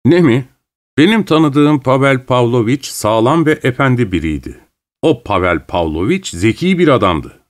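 A man reading an audiobook, voicing an irritable, suspicious middle-aged gentleman who talks bluntly and sharply. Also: mid-range voice, big pitch swings, moderate pace, voice pushed up, natural voice. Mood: irritated.

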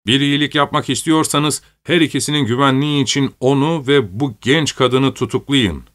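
A man's voice: mid-range voice, expressive, normal speed, natural voice. A man voicing a bold young nobleman who speaks firmly and gives commands. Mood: commanding. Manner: firm, commanding delivery.

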